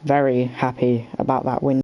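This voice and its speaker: A race co-commentator for an online racing league, reacting with quick bursts of excitement. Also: mid-range voice, highs cut off.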